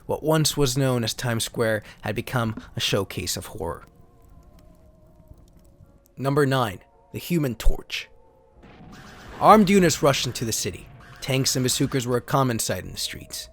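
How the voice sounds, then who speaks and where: A male narrator and host delivers theatrical, solemn dramatic readings of pulp science fiction stories against sound effects and ambience. His medium-pitched voice has lively intonation, runs a little slow and pauses often.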